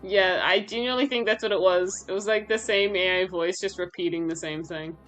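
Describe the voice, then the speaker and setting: A woman's voice: fairly low pitch, fairly even intonation, brisk, a bit bright, rough recording. Chatty woman streamer with music behind. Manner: chatty, reacting aloud, talking to chat; self-mocking exclamations. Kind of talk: live gameplay commentary.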